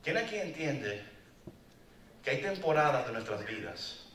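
Animated male preacher in echoey hall. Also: mid-range voice, unhurried, a little hiss or hum. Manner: animated, joking, calls out to the audience. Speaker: preacher at a men's conference. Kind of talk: lively sermon. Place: conference hall. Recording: echoey hall, mic far off.

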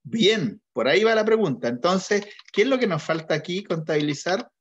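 In an online class, a male teacher patiently and methodically works through an accounting exercise, posing questions and confirming answers. His husky voice is slightly high for a man, expressive, and moderately paced. The recording sounds dull and lo-fi.

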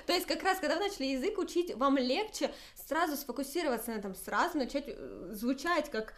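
A woman's voice: sits high, a little fast. A woman with a Russian accent teaching English intonation in a casual lesson. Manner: lively, demonstrates intonation.

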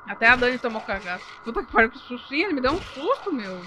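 A woman's voice: a little high, sing-song, fast, a crowd in the background. A young woman, giving live gameplay commentary, jumpy and exclaiming, swearing at enemies. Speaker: streamer.

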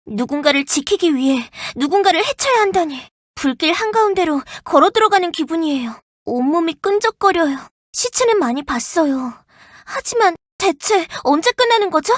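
A voice actress playing a young, earnest and protective firefighter in a game, polite and gentle, snapping into crisp radio-style reports. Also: female voice, very high-pitched, expressive, moderate pace, no echo, studio quality. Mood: somber. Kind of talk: game character voice lines. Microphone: dry studio mic.

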